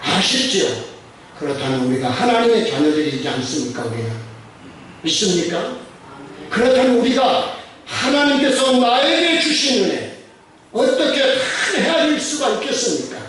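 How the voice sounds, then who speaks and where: Male pastor, middle-aged, questioning sermon style, heard from a distance in a booming church hall with faint noise. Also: big pitch swings, moderate pace, a bit bright. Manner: asks the congregation many questions, repeats phrases. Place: church sanctuary. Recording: very echoey church hall from far off.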